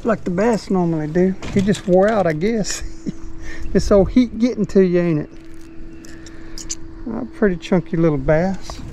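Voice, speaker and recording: A middle-aged fishing vlogger chats in a laid-back, folksy way while fishing from a small boat on a shaded swamp. His warm voice sits high and moves a little slowly with long pauses, captured on a head-mounted action camera with faint outdoor noise.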